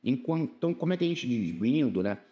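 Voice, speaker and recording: A man's voice: medium pitch, big pitch swings, quick pace, warm tone, highs cut off. A man with a Brazilian Portuguese accent giving a casual exam-prep grammar lesson, speaking to viewers in a slangy, direct way.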